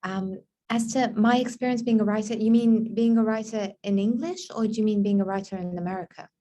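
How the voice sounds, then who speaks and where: A woman from Lebanon, an author, answering reader questions in a book club interview over a video call. She talks in a reflective, musing way with soft fillers and breaks into moments of wonder. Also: medium pitch, a little fast. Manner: bursts of wonder and excitement.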